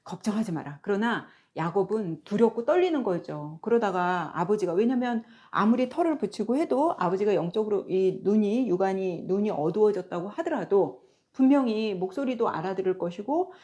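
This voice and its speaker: A woman teacher retelling a Bible story in a lively way, often turning to her listeners with questions. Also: medium pitch, moderate pace. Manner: lively storytelling, asks the audience rhetorical questions.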